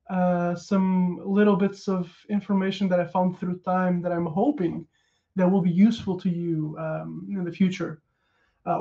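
A man in his thirties from Portugal, speaking with a Portuguese accent and a high-sitting voice, gives an informal technical conference talk through a headset in a small room at home. The audio is dull, and he keeps it relaxed, with many ums and uhs and frequent restarts.

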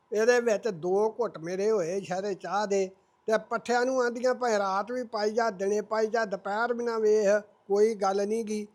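A man's voice: high-pitched, a little mellow, close to an everyday voice. A man playing an old-fashioned uncle who grumbles and complains.

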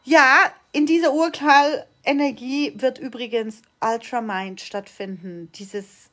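Woman, high voice, unhurried delivery, fiery motivational coach, repeats phrases for force. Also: fairly even intonation, a bit bright. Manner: impassioned, emphatic, repeats phrases and curses for force. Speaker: manifestation coach. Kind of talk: motivational monologue.

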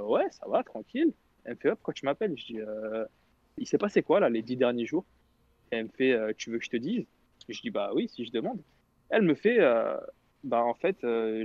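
Young man, fast rambling storyteller, slangy, dry lo-fi sound. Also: mid-range voice, darkish tone, dry recording. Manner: rambling, slangy, quotes others. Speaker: radio show guest telling a story. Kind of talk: casual storytelling chat.

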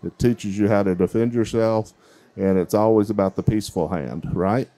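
With a lowish, mellow voice at a moderate pace, the middle-aged emcee of a kids' baking contest chats with child contestants over a handheld mic. He's friendly and encouraging, working a large fair hall.

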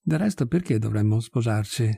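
Male reader doing a frank, defiant young widow, warm and husky. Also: medium pitch, expressive, a little fast, dry recording, studio quality, voice pushed down, full character voice.

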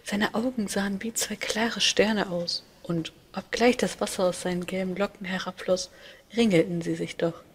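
A woman reading a fairy tale aloud in a calm, hushed voice that often drops to a whisper. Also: mid-range voice, moderate pace, a little hiss or hum. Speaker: storyteller.

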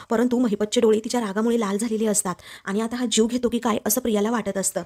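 Brisk fast-talking woman storyteller. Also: a little high, a little mellow. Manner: brisk, reads quoted dialogue in her own voice. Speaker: serial episode recapper.

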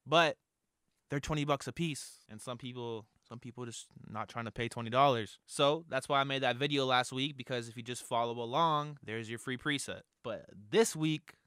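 A young adult man with a mid-range, bright, forceful, smooth voice gives a chatty, upbeat tutorial on mixing vocals at a moderate pace. He's a music producer working in a home studio, speaking close to a studio mic on an arm, and the recording has no echo.

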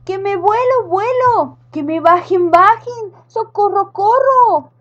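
A frightened, squeaky little storybook witch , as a woman puts her on, who shrieks high and echoes the last bit of every word. Her voice leaps very high and sounds dull and lo-fi. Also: animated, slow, fairly bright tone, full character voice. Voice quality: squeaky, repeats word endings.

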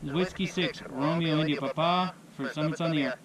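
A man making a ham radio call from a summit, spelling his call sign in phonetic alphabet in a measured, repeating way. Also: fairly high pitch, over a noisy crowd, poor audio. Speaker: portable ham radio operator. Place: outdoors on a mountain summit.

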